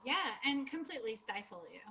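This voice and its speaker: High, bright-voiced woman guest. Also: sing-song, a little fast, slight background noise. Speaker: podcast guest. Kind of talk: casual conversational interview.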